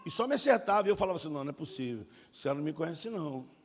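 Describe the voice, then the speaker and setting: A middle-aged man preaching a sermon and telling his own testimony, swinging between loud and hushed like a dramatic storyteller. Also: a little high, animated, very fast, faint music behind. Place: church sanctuary. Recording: long hall reverb.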